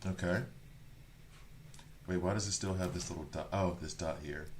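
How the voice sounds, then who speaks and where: Playing a game on stream, a man from Switzerland who isn't a native German speaker chats casually and at length, reading chat aloud. His deep voice has fairly even intonation at a normal speed, with slight background noise.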